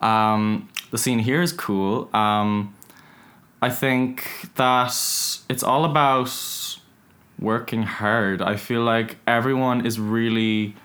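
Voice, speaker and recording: A man's voice: medium pitch, fairly even intonation, takes it slowly, fairly bright tone. Young man with a west of Ireland accent. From Galway, Ireland. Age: young adult. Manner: informal, swearing, uses "like" constantly. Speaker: podcast guest, drag performer. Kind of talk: casual chat.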